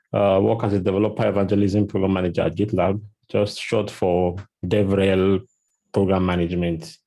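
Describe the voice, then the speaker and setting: Low-voiced man hosting a video call. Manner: relaxed, many fillers. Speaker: host.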